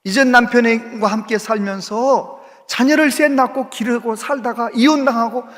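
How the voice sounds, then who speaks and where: A man's voice: very high voice, steady tone, normal speed, fairly bright tone. A male pastor preaching a sermon, telling a story with a voice that climbs and drops sharply. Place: large church sanctuary. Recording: church hall reverb.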